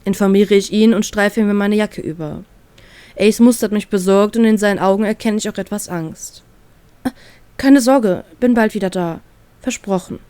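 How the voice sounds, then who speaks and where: A woman reading a fan fiction story aloud in a steady, even narrating voice. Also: mid-range voice, dry recording.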